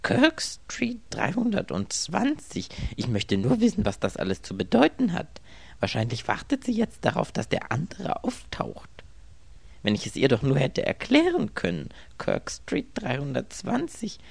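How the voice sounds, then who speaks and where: An irritable young male writer grumbles and mutters in exasperation, his voice raised and gravelly, as a male reader acts him out. The delivery is dry and close to the mic, with a lively rise and fall. It comes from a radio-play reading. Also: a little high, a little slow, no room sound, voice pushed up, full character voice. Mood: bewildered.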